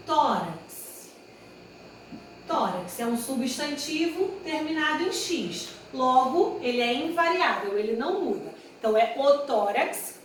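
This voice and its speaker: A woman's voice: high-pitched, slight background noise. A woman teaching a grammar lesson, patiently repeating each example and correcting herself as she writes on a board. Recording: echoey room, voice far from the mic.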